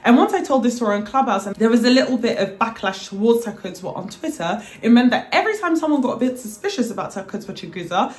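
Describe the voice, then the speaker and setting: A woman telling her own story in a lively, dramatic way, acting out what people said. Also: a little high, fast, hardly any pauses. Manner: animated, dramatic retelling with acted quotes. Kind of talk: personal storytelling to camera.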